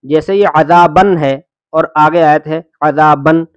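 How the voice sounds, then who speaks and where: Male Quran reading teacher, high voice, dry close recording, spells syllables slowly and carefully. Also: steady tone, smooth, dry recording, lo-fi sound. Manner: patient explaining, drawn-out syllable drills.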